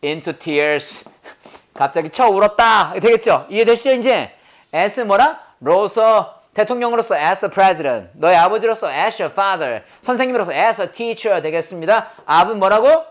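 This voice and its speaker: A male teacher runs a grammar lesson in a steady rhythm of question and answer. He fires off short prompts and answers them himself. He slows right down whenever he says an English phrase. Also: sits high. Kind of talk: classroom grammar lecture.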